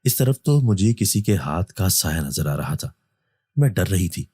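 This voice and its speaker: A man reading a first-person horror story as a storyteller, in a steady, even manner. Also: low voice, slightly rough, dry recording. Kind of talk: scripted narration of a horror story.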